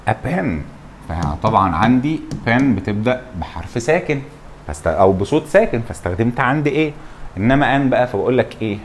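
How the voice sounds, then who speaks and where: Young Egyptian male tutor, rapid animated delivery, plays his own student too. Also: medium pitch, a little hiss or hum. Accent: Egyptian Arabic. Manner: plays both teacher and student in mock dialogue. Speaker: English teacher. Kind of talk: lively classroom-style lecture.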